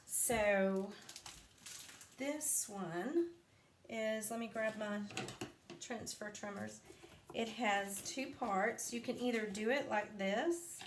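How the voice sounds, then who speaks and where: A sleepy, yawning woman vlogger gives a live craft demonstration at an unhurried pace, chatty and rambling with lots of ums and asides. Her pitch is medium, and the echoey room carries a faint hiss in the background.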